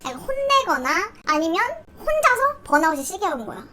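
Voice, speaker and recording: High, lively young Korean woman chatting. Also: fairly quick, background noise. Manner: giggly, animated storytelling. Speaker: vlogger in a couple. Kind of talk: casual chat.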